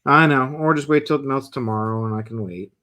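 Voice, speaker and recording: A man's voice: mid-range voice, pushed and bright. A man co-hosting a knife show in casual chat, easygoing and teasing. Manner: easygoing, teasing, quick to laugh.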